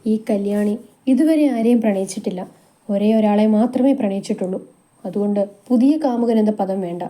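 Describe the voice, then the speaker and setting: Lady doing a young woman who talks back hard, firm and cutting, dark voice. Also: medium pitch, normal speed, natural voice. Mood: defiant. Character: young woman, defiant then broken.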